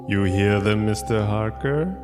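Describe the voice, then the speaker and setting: An actor playing an old, cruel yet courteous vampire count in a gothic audio drama, with slow, theatrical menace. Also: male voice, lowish voice. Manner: slow, deliberate, theatrical delivery. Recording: long cavernous reverb with music.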